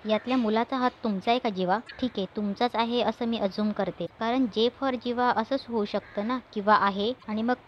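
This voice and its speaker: A woman reading the lines of a gentle, sensible young newlywed woman who asks politely probing questions. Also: a little high, steady tone, a little fast, few pauses, close to an everyday voice. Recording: muffled with faint hiss.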